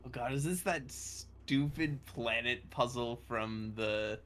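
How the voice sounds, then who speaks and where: A man's voice: mid-range voice, takes it slowly, a bit bright. A man playing a tabletop game, chatting casually in a nerdy, hesitant way. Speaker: player. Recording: noisy mic, keyboard clicks.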